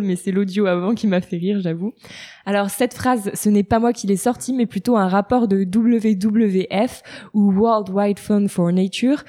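Mellow-voiced woman hosting a radio talk show. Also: medium pitch. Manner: reads scripted segment, then chats. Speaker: radio host.

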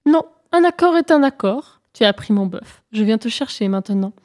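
A woman voicing Death as a relentless, calm female figure who keeps to a bargain in a storybook tale. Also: fairly high pitch, normal speed, natural voice. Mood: firm.

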